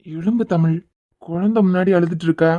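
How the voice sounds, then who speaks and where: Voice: medium pitch, fairly quick, mellow, no echo, lo-fi sound, lightly acted. A performer voicing a young father in a cartoon, soothing and brushing off his injury, with a Kanyakumari Tamil accent. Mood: soothing, hurt. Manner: soothing, dismissive of his pain. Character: young father, gentle and stubborn. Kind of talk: cartoon voice acting.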